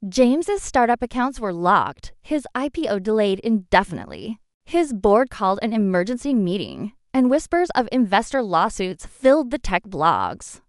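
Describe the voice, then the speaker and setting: Expressive woman story narrator, lively pitch. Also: moderate pace, few pauses, dry recording, studio quality. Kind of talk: dramatic first-person story narration.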